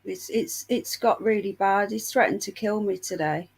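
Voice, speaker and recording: On a casual livestream, a mid-pitched woman host passes along outrageous gossip with indignation running through her words. She speaks at a moderate pace with a breathy edge, sounding unwell with a sore chest.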